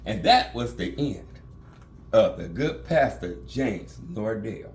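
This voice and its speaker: A man's voice: fairly low pitch, takes it slowly, echoey room. A man telling a dramatic story casually and with vivid energy. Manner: animated, vivid retelling.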